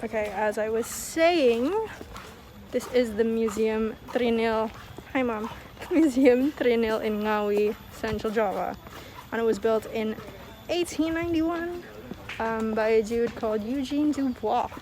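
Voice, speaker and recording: A woman's voice: on the high side, unhurried, a little mellow, slight background noise, poor audio. A young woman in her twenties chatting casually on a travel vlog, giggly and self-deprecating, filmed on a handheld camera. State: out of breath. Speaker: travel vlogger. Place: outdoors on a road trip, touring sites.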